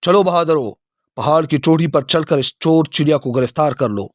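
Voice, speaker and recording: A man voicing a greedy, hot-tempered king who shouts commands in a storybook tale. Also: medium pitch, lively intonation, dry recording, clean studio sound, natural voice. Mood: commanding. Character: greedy, furious male king barking orders.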